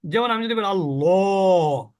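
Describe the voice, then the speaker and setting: A man's voice: high-pitched, animated. A man teaching a Quran pronunciation lesson, asking the class questions and drawing out the words he models. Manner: slow, explaining, asks questions of the class.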